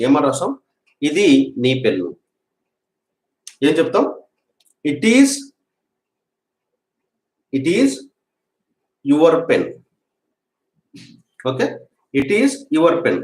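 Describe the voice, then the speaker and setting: A man teaching a spoken English grammar lesson, patiently repeating example sentences slowly for learners to drill. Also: mid-range voice. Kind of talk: classroom-style grammar lesson. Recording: echoey room.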